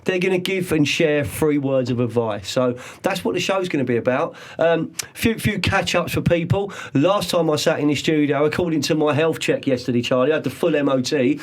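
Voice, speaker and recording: A man in his forties, hosting a podcast in a studio with casual, upbeat showmanship and slow, drawn-out emphasis. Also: on the high side. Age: 40s. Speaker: podcast host.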